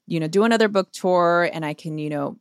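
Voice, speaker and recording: A woman's voice: on the low side, fairly quick, smooth, no room sound, studio quality. A woman guest on an advice podcast, talking earnestly and asking rhetorical questions as she shares her own experience. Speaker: guest author.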